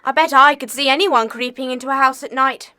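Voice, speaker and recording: Bright, high-voiced eager schoolchild. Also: female voice, fairly even intonation, fairly quick. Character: eager schoolchild in a mystery club. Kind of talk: children's audio drama acting.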